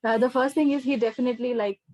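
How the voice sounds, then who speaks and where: A woman with an Indian accent, a teacher, gives feedback to a parent in an explanatory talk on an online class video call indoors, often checking in with "okay" and "right?". Her fairly high, mellow voice moves at a quick pace with fairly even intonation. The low-quality recording has no room sound.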